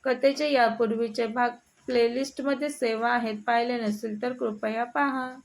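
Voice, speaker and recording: A woman telling a story in a slightly gravelly voice. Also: on the high side, fairly even intonation, normal speed, rough recording. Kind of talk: scripted narration.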